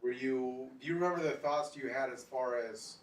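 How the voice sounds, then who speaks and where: A man interviewing casually, asking informal questions with halting follow-ups. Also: medium pitch, recorded from a distance. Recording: roomy, off-mic, faint background noise.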